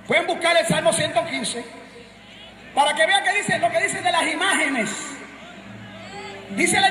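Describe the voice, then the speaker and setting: Middle-aged Puerto Rican male preacher, very high shouted voice, echoey church with music and crowd. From Puerto Rico. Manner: shouting, emphatic, joking with the congregation. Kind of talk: sermon.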